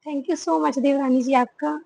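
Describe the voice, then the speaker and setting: A woman acting an elder daughter-in-law who answers back her mother-in-law with sharp complaints in a family drama. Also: high-pitched, fairly even intonation, a little slow, vocal fry, rough recording. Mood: grateful. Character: elder daughter-in-law, married ten years, fed up.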